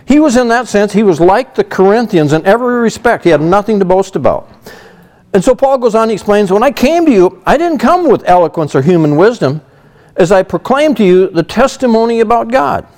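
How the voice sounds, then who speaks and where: Brisk and animated, a middle-aged pastor with a high, slightly mellow voice teaches a sermon on a Bible passage. He keeps it conversational, leaning heavily on "you know."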